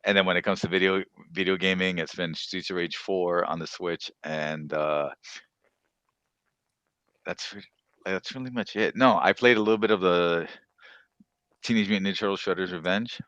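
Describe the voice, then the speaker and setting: A man with a deep yet bright, forceful voice hosts a casual podcast. He rambles through asides in a loose, chatty way, recorded close and dry. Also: moderate pace, pauses often, no room sound, dull audio. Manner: rambling, swearing, many "you know" asides. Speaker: podcast host. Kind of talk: casual chat about games and shows.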